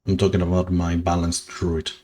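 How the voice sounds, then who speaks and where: A man streaming a game, talking slowly and sentimentally, rambling with soft laughs. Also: low voice, monotone, slight background noise. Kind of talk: casual game stream chat.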